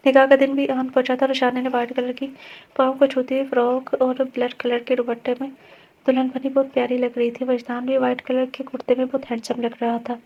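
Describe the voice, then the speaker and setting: A woman narrating a romance novel in a steady, even reading. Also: high-pitched, gravelly, slightly rough. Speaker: audiobook narrator. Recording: dull lo-fi recording.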